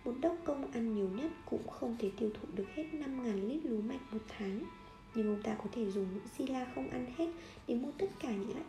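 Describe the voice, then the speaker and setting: A woman reading a nonfiction book aloud in a steady, measured way, now and then correcting a slip. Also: on the high side, reverberant. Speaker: audiobook reader.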